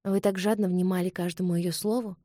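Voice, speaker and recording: A woman reading the part of a proud young English lady who exclaims in a high-strung voice. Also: steady tone, a little fast, dark tone, no echo, clean studio sound, natural voice. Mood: flustered.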